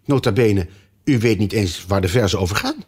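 Man reading as a storybook girl, blunt and stubborn, husky, pitched up from the narrator. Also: animated, normal speed, a little mellow. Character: plain-spoken, stubborn young girl.

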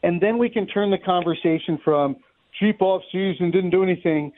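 A middle-aged play-by-play announcer guests on a radio show, offering unscripted sports analysis that is conversational and wryly humorous. His high voice moves at a moderate pace over a roomy, thin narrow-band phone line.

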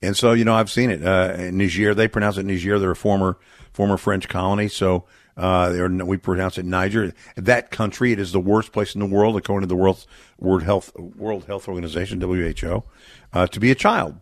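A middle-aged man from Texas speaks as a guest on a radio interview in an earnest, reflective manner. His voice sits low and carries a gravelly edge. The studio sound is dry and close. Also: fairly even intonation, fairly quick, dry recording. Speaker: charity representative guest.

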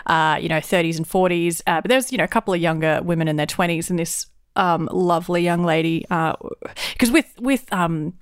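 An Australian woman in her thirties, a lively podcast co-host who tells stories with frequent laughter. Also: on the low side, a little fast, clean tone, no room sound, studio quality. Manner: lively storyteller, laughs often. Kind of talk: casual chat.

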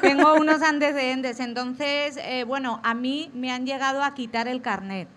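A young woman in casual chat, telling lively anecdotes and laughing often. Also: high voice, moderate pace. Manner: animated storyteller, laughs often.

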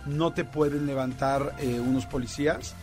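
A man with a Mexican accent hosting a radio show, telling a story in a lively way with lots of fillers. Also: mid-range voice, normal speed, music in the background. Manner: animated storytelling with many fillers. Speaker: radio host. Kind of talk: casual radio chat.

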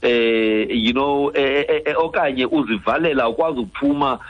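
Male radio health expert, Xhosa accent, husky mid-range voice, hesitant code-switching delivery. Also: mid-range voice, brisk, muffled recording. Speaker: doctor, guest expert. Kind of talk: explaining on a radio health programme.

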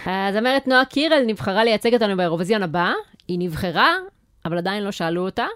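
Israeli female co-host, mid-pitched, ironic casual chat, close dry sound. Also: a bit bright, smooth, dry recording. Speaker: podcast co-host. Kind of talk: casual comedic chat, reading out culture news.

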